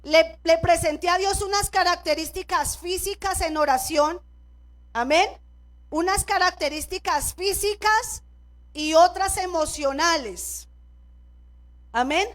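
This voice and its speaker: A woman's voice: very high voice, measured pace. A middle-aged Colombian woman pastor preaching a sermon in church, telling personal stories and prompting the congregation with frequent "amén" and "¿cierto?". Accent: Colombian Spanish.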